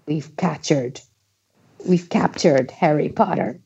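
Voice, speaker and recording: A man voicing a gruff, menacing male werewolf with a rasping voice. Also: fairly high pitch, steady tone, slow, warm tone, lo-fi sound, voice pushed up, heavily acted. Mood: triumphant.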